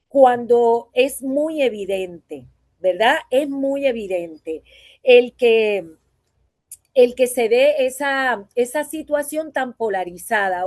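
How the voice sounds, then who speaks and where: In a clean studio recording without room sound, a woman from Puerto Rico talks in a high, slightly mellow voice. A voice teacher with a Puerto Rican Spanish accent, she gives a conversational conference presentation, often using tag questions to engage listeners.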